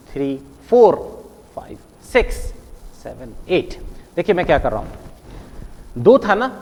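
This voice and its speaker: A man teaching a math lesson, playful and animated, counting aloud and checking in with his listeners. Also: high-pitched, in a large hall.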